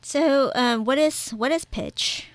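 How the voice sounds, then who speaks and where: Slow-talking woman radio host. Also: high voice, no room sound. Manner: upbeat, laughs between questions. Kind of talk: casual interview.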